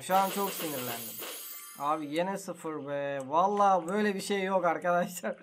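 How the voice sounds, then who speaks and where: A man's voice: high voice, a bit bright, slight background noise. A man hosting a gaming channel, giving casual gameplay commentary in an exasperated, complaining, slangy way.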